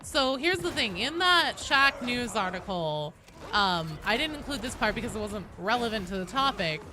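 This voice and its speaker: Her voice sits a little high and sing-song, moving at a moderate pace against a noisy background. The woman is livestreaming a game and chatting casually in a rambling, self-deprecating way, with plenty of swearing.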